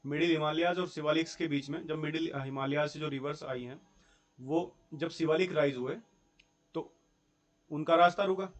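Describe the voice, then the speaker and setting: A young man teaching a school geography class, explaining step by step in a mix of Hindi and English terms and checking in with his students. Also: fairly high pitch. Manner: explains step by step, often checks in with "theek hai" and rhetorical questions.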